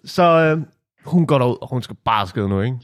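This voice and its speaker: A man's voice: mid-range voice, lively intonation, dry recording, clean studio sound. A man telling a crude funny story in casual chat, laughing often and dropping in English phrases.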